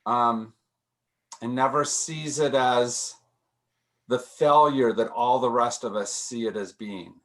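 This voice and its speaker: A man's voice: medium pitch, fairly even intonation, slow, a bit bright. A man leading a casual group discussion, thinking aloud with frequent restarts and repeated words.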